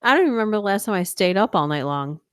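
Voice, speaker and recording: A woman with a smooth, mid-range voice reads ghost stories during a late-night live stream, her voice worn and tiring. She reads steadily, then breaks off for quick, laughing, chatty asides, captured in studio-quality sound with no room sound.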